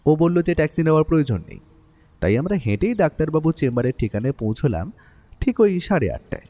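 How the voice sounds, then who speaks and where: Voicing the detective's easygoing writer friend, a man tells a Bengali audio mystery in the first person, bringing expressive storytelling to it. He sounds a little high and moves at a quick pace, in a reflective, narrating mood.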